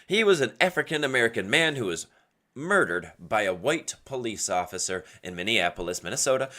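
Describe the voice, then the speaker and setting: A man hosts a casual, opinionated solo podcast, speaking emphatically and posing rhetorical questions to himself. His medium-pitched voice is strained and partly gone from yelling, as he is losing his voice.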